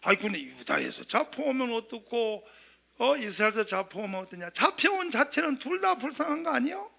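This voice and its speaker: A middle-aged man from southeastern Korea preaching a sermon as pastor, animated, acting out quoted voices and calling for amens. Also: very high voice, brisk, vocal fry, breathy edge. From Gyeongsang region, South Korea.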